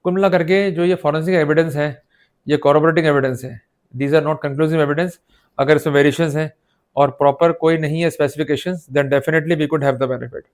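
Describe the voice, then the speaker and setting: Lecturing on law in a mix of Hindi and English, this Indian-accented man explains points in a didactic style. His voice is on the high side, steady in tone, at a normal speed.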